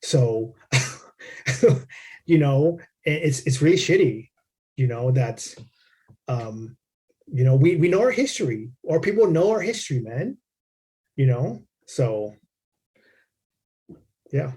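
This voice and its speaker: A man's voice: medium pitch, sing-song, takes it slowly, pauses often, warm tone. A man co-hosting a podcast in casual conversation, rambling through history, swearing freely and checking in with "right?" and "you know". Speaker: podcast co-host.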